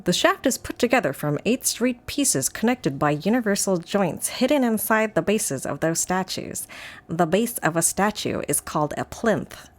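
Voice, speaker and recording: A woman's voice: mid-range voice, animated, normal speed, natural voice. A woman voicing a nerdy know-it-all young boy who lectures in a blunt, matter-of-fact way. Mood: lecturing.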